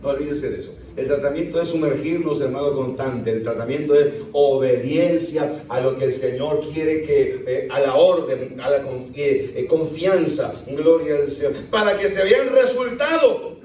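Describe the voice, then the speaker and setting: A man's voice: mid-range voice, fairly even intonation, normal speed, hardly any pauses, dark tone. A male pastor with a Uruguayan Spanish accent preaching a sermon in a church, often breaking in with praise to God and acting out the voices of people he quotes. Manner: preaching with frequent "Gloria al Señor" interjections, acting out quoted voices. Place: church hall. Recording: echoey church hall, voice from a distance.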